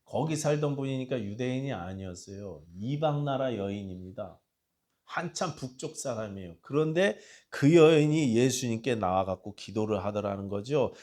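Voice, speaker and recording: A male pastor delivers a sermon in a church sanctuary, his voice sitting at a middle pitch. He moves between quiet, confiding asides and loud, impassioned cries, and he reads scripture aloud along with the congregation. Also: lively intonation, normal speed.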